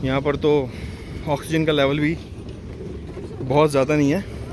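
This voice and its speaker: A travel vlogger chats casually to viewers, pointing out views on a mountain and later in a hilltop restaurant, short of breath from hiking. His voice sits on the high side with a flat delivery at a moderate pace. There's noise in the background.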